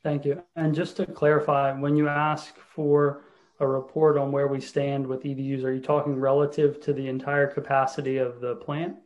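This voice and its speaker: Halting man chairing a meeting, monotone. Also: mid-range voice, dull audio. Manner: halting, many fillers. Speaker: mayor.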